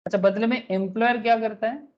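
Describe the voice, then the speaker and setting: A man's voice: high voice, steady tone, quick pace, dull audio. A male teacher giving a tax class online, joking at his own drawings, calling his students "sir" and mixing in English terms. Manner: joking, self-mocking, calls students "sir".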